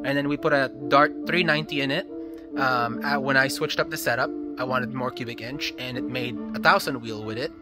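A shop owner in his thirties holds the camera at arm's length for a casual vlog walkaround of his car, first in the car shop garage and then inside the moving car. He's relaxed and rambling, with many ums, speaking a little fast in a mid-range voice over music.

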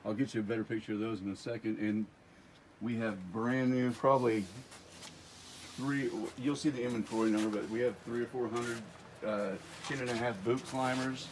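A middle-aged man with a medium-pitched, steady voice guides viewers through a large warehouse at a moderate pace. He casually runs down the inventory item by item, repeating himself often, while a nearby handheld phone camera records the noisy setting.

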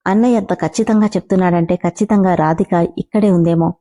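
A woman's voice: on the low side, fairly even intonation, fast talker, mellow, close to an everyday voice. A woman voicing an earnest, hopeful young man speaking of his brother, in a spoken storybook.

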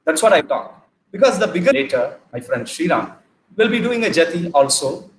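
A middle-aged man with a South Indian accent, giving an informal dance lecture-demonstration, explaining in short phrases with pauses between them. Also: fairly high pitch, sing-song. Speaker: classical dance teacher. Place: large bare indoor hall. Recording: echoey room, audible background noise.

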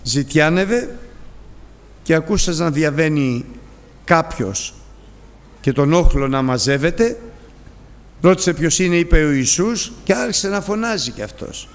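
A man's voice: expressive, long pauses. Man preaching dramatically in a reverberant hall. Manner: dramatic storytelling, wide swings in pitch and loudness. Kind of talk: sermon.

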